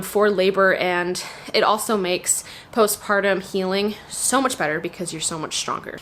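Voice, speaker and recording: A woman's voice: medium pitch, fairly bright tone, slight background noise. A heavily pregnant young woman talking casually to camera as a fitness vlogger, explaining things in an informal, conversational way. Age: young adult. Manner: conversational, informal, peppered with "like" and "you know". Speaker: fitness vlogger, workout demonstrator. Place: small home garage gym, indoors.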